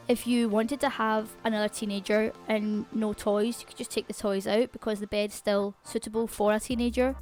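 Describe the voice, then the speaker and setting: A Scottish woman hosting her channel, chatting casually over a game speed build and talking quickly. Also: mid-range voice, a little mellow. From Scotland. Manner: fast-talking, chatty, self-aware. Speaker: channel host.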